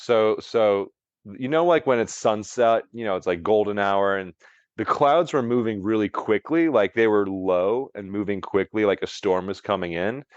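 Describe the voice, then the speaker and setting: A longevity coach appears as a podcast guest, his fairly low voice captured in a dry, muffled recording. He tells a story casually and in a rambling way, full of "like" and restarts.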